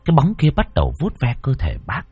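Man, ghost story narration, very lively pitch, husky, dry close sound. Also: fast talker, no echo, narrow, tinny audio, soft background music. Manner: dramatic, expressive. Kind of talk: spooky folk tale narration.

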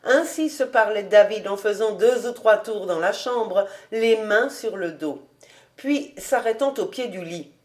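A woman reading a classic novel aloud as narrator, in a measured, calm storytelling manner. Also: medium pitch. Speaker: audiobook reader.

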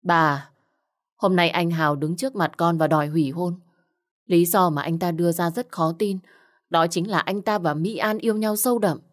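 A cold, scornful young woman, voiced by a woman reading an audio story. She speaks in a fairly low, cool tone close to the reader's own. Her delivery is dismissive and firm. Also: fairly even intonation, normal speed, close to an everyday voice. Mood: aggrieved.

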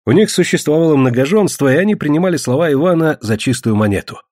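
A man reading a novel aloud as narrator, in steady, expressive storytelling. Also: fairly high pitch, quick pace, no room sound, studio quality. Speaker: audiobook reader. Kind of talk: scripted literary narration.

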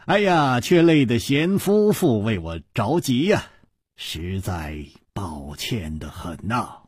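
A man's voice: fairly low pitch, big pitch swings, slow pace, husky, dry recording, studio quality, voice pushed down, exaggerated voice. A man voicing an easygoing, gracious wandering hero who talks modestly and chuckles.

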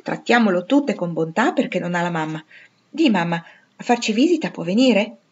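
A woman voicing a blunt, tomboyish teenage girl, brisk and emphatic. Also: medium pitch, lively intonation, darkish tone, slightly rough, dull audio. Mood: brusque.

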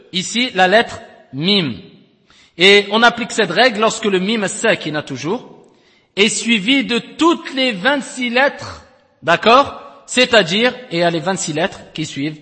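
A man giving a recited-text lesson in a step-by-step teaching style, often checking that his students follow and chanting examples slowly. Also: high voice, pushed and bright, big-room sound. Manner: explains step by step, often checks with "d'accord?" and "clair?". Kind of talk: recorded tajwid lesson.

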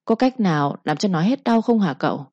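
A woman's voice: medium pitch, animated, a little fast, mellow, dry recording, natural voice. A woman voicing a sly young female servant who whimpers and pleads while faking pain. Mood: whimpering. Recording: slightly muffled recording.

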